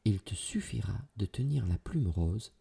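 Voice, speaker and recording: A gentle magical pink bird from a storybook, voiced by a man, calm and reassuring, now and then dropping to a hush. The voice is slow and has a gravelly, husky grain. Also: fairly low pitch, exaggerated voice. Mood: grateful.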